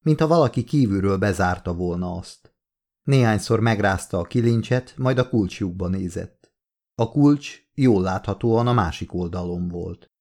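A male audiobook narrator reads in a low, steady, measured voice. His delivery is calm, with slow pauses placed at key moments.

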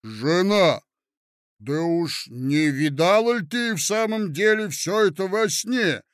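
A man voicing a slow-witted, self-important middle-aged husband who booms his words. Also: animated, dry recording, studio quality. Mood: pompous.

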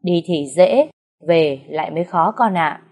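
A stern aging father, as a woman storyteller puts him on. He scolds and lectures in a firm, unhurried way, low and mellow in tone. It is a spoken audio story. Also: lively intonation. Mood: lecturing. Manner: firm, scolding, slow and measured.

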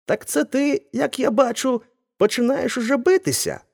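A man's voice: very high-pitched, moderate pace, creaky, darkish tone, pitched above the performer's own voice, heavily acted. A man voicing a grumbling old village Cossack. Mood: indignant. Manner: muttering, grumbling to himself. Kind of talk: audiobook character reading.

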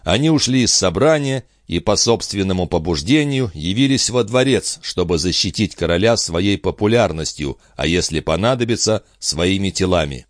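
Male audiobook narrator, low, lively intonation, dry close read. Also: moderate pace, few pauses, no room sound. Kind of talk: scripted narration.

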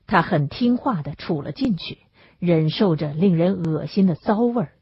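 Husky woman narrating an audiobook. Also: on the low side, normal speed, no room sound. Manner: expressive storytelling. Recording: dull lo-fi dry recording.

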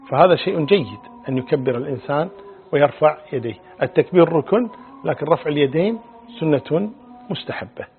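A middle-aged male Islamic scholar answering religious questions in a measured, explanatory way, quoting hadith. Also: a little high. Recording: phone-like narrow band.

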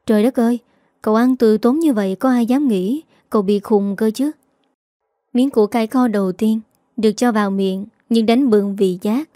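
Mellow woman reading a story. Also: fairly high pitch, normal speed, dry recording, clean studio sound. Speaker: story reader. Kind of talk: scripted narration of a romance story.

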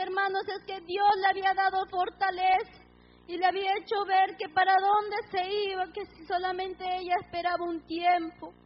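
Tearful high-voiced woman testifying. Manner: tearful, fervent, calls out hallelujahs. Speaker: testimony giver. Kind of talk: emotional church testimony. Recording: muffled lo-fi recording with faint hum.

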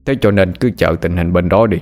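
Calm, knowing old grandfather, deep voice, voiced by a male storyteller. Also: brisk, soft background music, lightly acted. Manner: calm, reassuring. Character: calm wise old grandfather, a spirit ward-maker.

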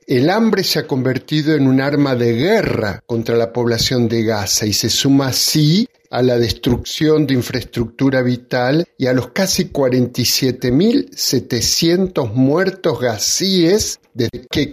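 Male analyst, mid-pitched, steady informative radio commentary. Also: breathy edge. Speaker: international analyst.

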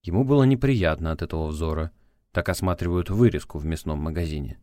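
A close, dry recording carries a man's very low voice as he narrates an audiobook from a script, his reading even and controlled, with no room ambience.

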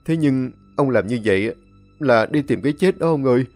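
A man's voice: medium pitch, lively intonation, normal speed, darkish tone, soft background music, pitched above the performer's own voice, close to an everyday voice. A man voicing a grieving young man who pleads tearfully with his elder in a told story. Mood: tearful pleading.

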